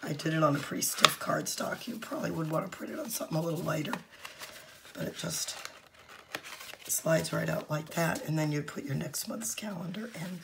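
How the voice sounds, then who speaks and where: A woman speaks low and very hoarse, her croaky, gravelly voice often giving out into a whisper. She explains a handmade craft project in a casual, informal way as a channel host, with some noise in the recording. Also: steady tone, fairly quick. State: hoarse, voice nearly lost.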